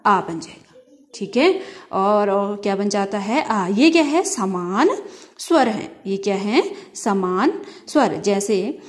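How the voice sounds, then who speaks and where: A woman teacher giving a grammar lesson, asking questions and answering them herself, slowly stretching out sounds as she spells them. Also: medium pitch. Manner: asks questions and answers them herself, repeating key terms; drawn-out syllables when spelling out sounds.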